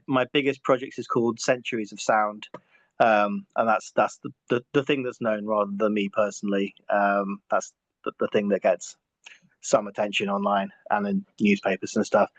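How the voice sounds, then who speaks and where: A middle-aged Englishman with a fairly low voice is a guest in a casual conversational interview. He speaks hesitantly, often restarting and repeating words, and the recording is dry, muffled and lo-fi.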